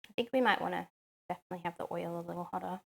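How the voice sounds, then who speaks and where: A woman's voice: fairly low pitch, rapid-fire, creaky. A woman chatting casually on a live stream while she cooks at home, answering chat with lots of "um"s.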